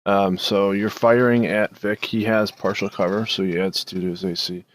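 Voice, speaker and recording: A man narrating as dungeon master of a tabletop game, halting with many fillers as he describes the action. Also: on the low side, fairly even intonation, slight background noise.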